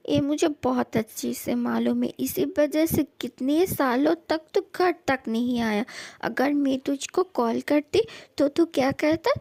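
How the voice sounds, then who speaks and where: A woman voicing a scolding, soft-hearted mother. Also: sits high, gravelly, heavily acted. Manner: scolding, then fussing and bossy. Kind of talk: fan dub audio drama.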